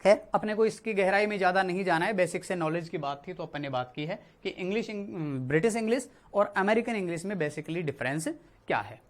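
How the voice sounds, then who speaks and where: A man's voice: high-pitched, fairly quick. Male teacher, patient explainer who repeats key words and keeps checking in. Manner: explains step by step, repeats words, says "ठीक है" often. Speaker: English teacher. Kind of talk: spoken Hindi classroom lesson.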